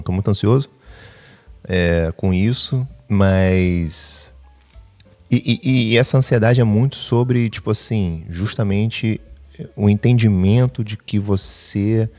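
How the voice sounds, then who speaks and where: A young man with a very low voice rambles through a casual confessional vlog, anxious and jittery. He keeps cutting himself off and swears casually, with faint music playing underneath. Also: slow pace, warm tone. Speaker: vlogger.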